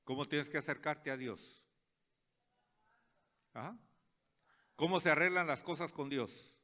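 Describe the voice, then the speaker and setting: A pastor preaching a sermon, asking the congregation questions and acting out little scenes, dropping to quiet asides and rising to loud calls. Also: male voice, on the high side, slow pace.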